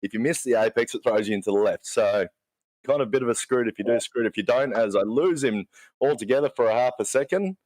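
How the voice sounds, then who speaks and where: A man's voice: medium pitch, fast, a little mellow, no echo, rough recording. Chatty man commentating a sim race. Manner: chatty, laughs often, talks through a lap.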